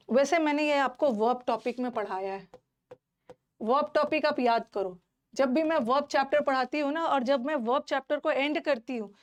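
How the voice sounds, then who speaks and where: A woman teaching an English class online, who scolds her students indignantly and mixes English words into her speech. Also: sits high.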